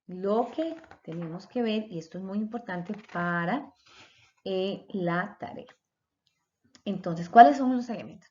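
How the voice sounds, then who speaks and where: A woman teacher giving a recorded lecture, explaining step by step and sounding out letters and syllables. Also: medium pitch. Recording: dull lo-fi recording.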